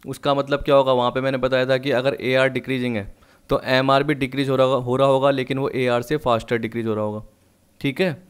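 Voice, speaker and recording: A man teaching an economics lesson, explaining step by step and slowly reading out textbook lines in English. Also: medium pitch, level tone, clear, resonant tone. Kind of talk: recorded online lesson.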